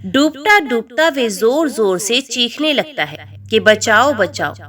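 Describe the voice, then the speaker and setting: A woman narrating a devotional folk tale in an expressive, dramatic way. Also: on the high side, slow. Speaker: storyteller.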